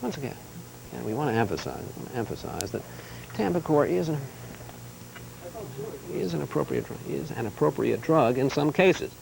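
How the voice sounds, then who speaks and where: A man's voice: mid-range voice, very animated, moderate pace, vocal fry, long pauses, noisy background. A male TV news correspondent rehearsing his piece to camera for a raw feed, repeating his lines and cursing at his own slips. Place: remote location.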